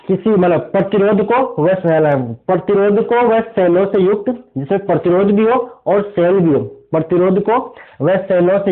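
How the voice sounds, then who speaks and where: High-voiced male teacher on tinny audio. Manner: explains step by step, poses rhetorical questions to students. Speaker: physics teacher. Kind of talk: exam revision lecture at a board.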